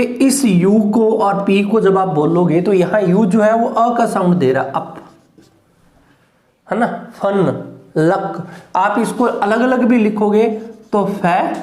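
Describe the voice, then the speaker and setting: A man teaching phonetics in a slow lecture. He repeats each sound and keeps asking whether it is clear. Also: high voice, a little mellow, roomy sound. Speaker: English teacher.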